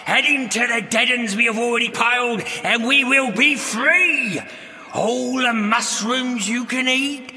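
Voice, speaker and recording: An actor playing a scheming, pompous little goblin revolutionary in an audio drama. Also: male voice, very high-pitched, a little slow, bright, forceful tone, in a large hall, slight background noise, heavily acted. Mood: rousing, urgent. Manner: pompous, rabble-rousing oratory.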